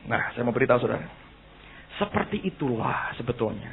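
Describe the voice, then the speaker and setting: A man pastor preaching a sermon with animated storytelling, casual slang, and frequent address to the congregation. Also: medium pitch, brisk. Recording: tinny phone-like, husky.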